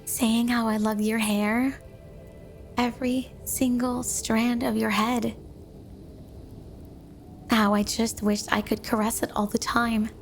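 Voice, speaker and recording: Faint music sits behind a woman whose slightly high voice is flat, slow and full of pauses. She plays a snow woman wife obsessed with her partner in a flirty ASMR roleplay, gushing, cooing and doting dreamily in a playful, sweet but possessive way.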